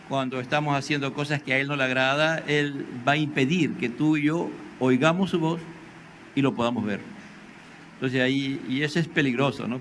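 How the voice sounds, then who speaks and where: A man's voice: mid-range voice, a bit bright. An older man, a pastor with a Peruvian Spanish accent, preaching a sermon in a conversational way, often tagging "no?" and acting out dialogue. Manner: conversational preaching with frequent rhetorical "¿no?"; acts out biblical dialogue in raised voice. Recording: faint background noise.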